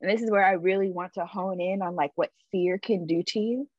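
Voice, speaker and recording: A woman's voice: on the low side, fairly even intonation, a little fast, no echo, dull audio. A woman guest on a podcast, telling a personal story in a candid, emphatic way, often adding "like" and "right?".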